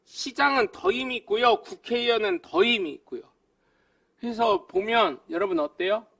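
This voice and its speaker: A man preaching a live Sunday sermon as pastor, animated and humorous, with emphatic exclamations. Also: high voice, moderate pace. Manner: animated, humorous, acts out dialogue.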